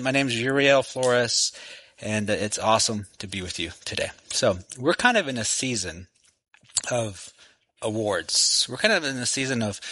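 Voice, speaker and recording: Guest preacher in his forties, forceful tone, chatty delivery, repeats himself as he goes. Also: mid-range voice, rough recording. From Texas. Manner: friendly, conversational with frequent restarts. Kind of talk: sermon. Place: church sanctuary. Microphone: microphone.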